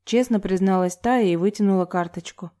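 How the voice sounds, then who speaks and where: A woman reading a novel aloud in an even, measured storytelling manner. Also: medium pitch. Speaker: audiobook narrator.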